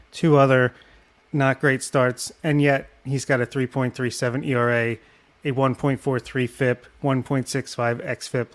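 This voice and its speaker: A man co-hosting a podcast in casual chat, thinking aloud and hedging his points. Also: mid-range voice. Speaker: podcast co-host.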